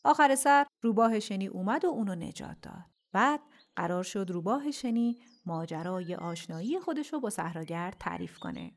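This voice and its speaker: Gentle woman narrating a children's story. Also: medium pitch, expressive. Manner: gentle, intimate, softly spoken. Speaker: storyteller host.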